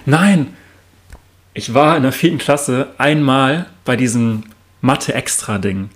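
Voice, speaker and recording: A young man in casual chat with an old school friend, relaxed and talkative, asking many questions. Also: medium pitch, takes it slowly.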